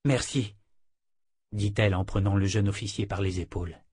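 Husky male audiobook narrator. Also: fairly low pitch, level tone, quick pace, darkish tone, no echo. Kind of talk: scripted narration.

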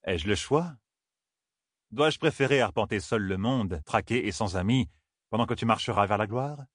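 A man voicing a proud, scheming male sorcerer in an audiobook, speaking in a measured, calculating way. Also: lowish voice, no echo, clean studio sound, close to an everyday voice. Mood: reasoning.

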